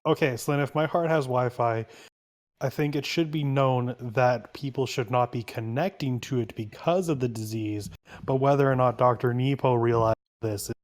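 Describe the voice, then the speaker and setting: A man's voice: medium pitch, moderate pace. A young man narrating and framing scenes in a tabletop role-playing game, in a hesitant, laid-back way.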